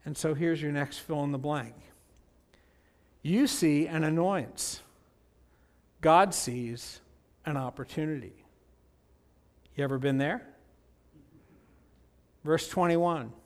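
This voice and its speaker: Male pastor, high voice, slow measured sermon delivery, swings from emphatic to quiet. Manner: deliberate preaching, rising to emphatic peaks and dropping low.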